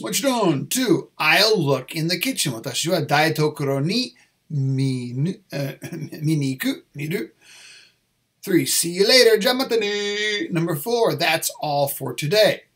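A man walks through English test answers in both English and Japanese, taking his time and repeating phrases carefully. His pitch is slightly high for a man, and his tone is fairly bright.

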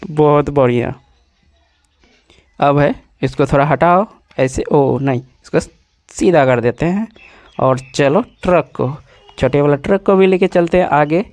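Male host for kids' toy videos: eager, exclamatory, chats to the toys, slightly raised pitch, dry close sound. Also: a little mellow, clear, resonant tone, no room sound. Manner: exclaims often, talks to the toys. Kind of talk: excited toy play narration.

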